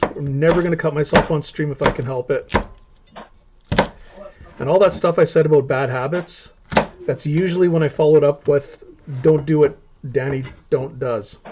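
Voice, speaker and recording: Hosting a live cooking stream, a Canadian-accented man with a fairly high voice talks casually through his chopping and prep at a moderate pace, leaving long pauses. Background noise runs through the dull lo-fi audio.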